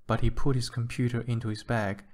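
A man reading a short story aloud in a measured, even storytelling manner. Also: mid-range voice. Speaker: narrator.

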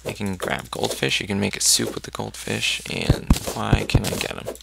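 With lively intonation at a normal speed, a gravelly, low-leaning male voice comments casually on his own game, thinking out loud and cheering for his character. He's a let's-play gamer, recorded noisily at home amid loud keyboard clicks and typing.

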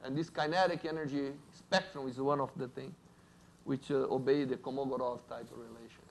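A man with a Brazilian Portuguese accent, a native Portuguese speaker, giving a lively university physics lecture and joking with the audience. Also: mid-range voice, fairly quick, creaky. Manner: lively, jokes with audience, asks "right?".

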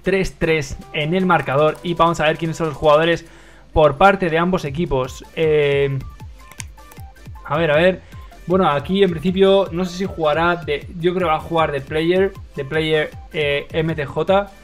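This young man, from Madrid with a Spain Spanish accent, casts a mobile game match as livestream host, excitable and heavy on fillers. His voice is a little high and unhurried, and faint music sits behind him.

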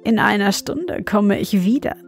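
A grumpy old crone guarding an enchanted castle in a bedtime storybook, as a woman narrator puts her on. She speaks slowly and hushed, with quiet reproach, a touch lower than an everyday voice, and faint music plays underneath. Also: animated. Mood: unhurried.

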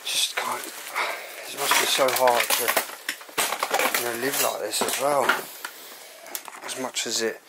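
A man's voice: mid-range voice, steady tone, takes it slowly, long pauses. Chatty young man, noisy camera audio. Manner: chatty, addresses viewers as guys. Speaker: urban explorer vlogger. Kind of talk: casual walk-through commentary. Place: cluttered abandoned house indoors. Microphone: handheld or body camera.

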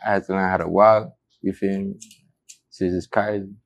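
Low gravelly young man, terse and mumbling. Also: level tone, normal speed. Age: young adult. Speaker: rapper, interview guest. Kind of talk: casual interview. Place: indoor room, seated. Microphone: lapel mic.

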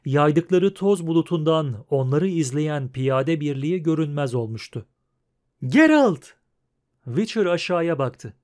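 This is scripted audiobook narration by a man whose voice sits on the higher side, delivered at an even, measured pace.

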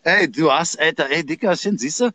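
A man with a Berlin accent hosting a livestream, rambling in slang with shout-outs. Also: fairly high pitch, brisk. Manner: slangy, rambling, calls everyone Dicker. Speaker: livestream host.

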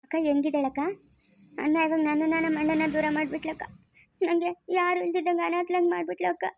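A woman's voice: extremely high pitch, level tone, brisk, vocal fry, no room sound. A woman playing a grieving young village woman who has lost her family, pleading and sobbing in a family moral drama. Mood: bitter.

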